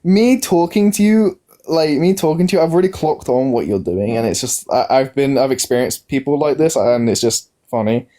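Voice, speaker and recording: A young man in his early twenties argues on a casual live stream. His mellow, darker voice moves through a wide, lively pitch range. He keeps circling back to the same question, stumbling into restarts as he pushes. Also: normal speed. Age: young adult. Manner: insistent, repetitive, stumbling restarts. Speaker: livestream guest.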